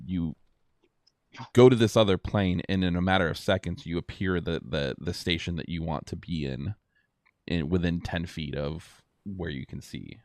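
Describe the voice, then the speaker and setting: A man running a tabletop game as game master, narrating scenes and explaining rules in a casual, halting way. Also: deep voice, no room sound, clean studio sound.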